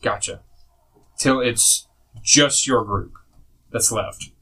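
A man's voice: medium pitch, slow pace, bright, forceful tone, slightly rough, poor audio. A man narrating a tabletop game as game master, casual and rambling, with many fillers and small laughs.

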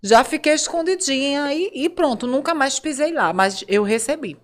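A woman's voice: high-pitched, animated, moderate pace. A young woman hosting a podcast in casual chat, frank and laughing often. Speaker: podcast host.

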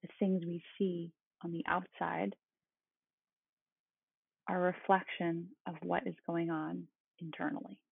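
Calm, creaky meditation guide with husky voice. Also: medium pitch. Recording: roomy, phone-like thin sound.

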